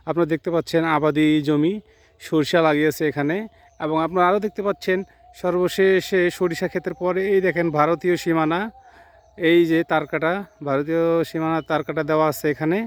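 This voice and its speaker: A man with a slightly high voice guides viewers through an outdoor vlog, filmed on a handheld phone camera. He talks to the audience directly and keeps pointing out what they can see. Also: dry recording. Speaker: travel vlogger. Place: outdoors by mustard fields at a border.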